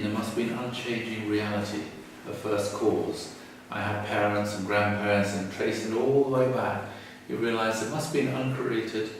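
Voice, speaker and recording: A man retells an ancient story in a relaxed, humorous teaching style. His voice is low and picked up from some distance. The room echoes strongly and faint ambient noise sits behind him. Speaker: religious teacher. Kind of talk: storytelling lecture. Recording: echoey room, far from mic.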